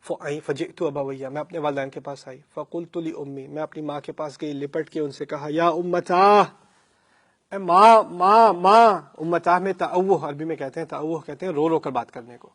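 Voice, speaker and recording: A man's voice: fairly high pitch, fairly even intonation, few pauses, darkish tone. A man giving a religious lecture, reading Arabic lines and retelling them in Urdu, acting out the people in the story with feeling and slipping in English words. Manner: reads Arabic then paraphrases it, voices the speakers emotionally. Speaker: Islamic lecturer. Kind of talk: Urdu sermon retelling a hadith.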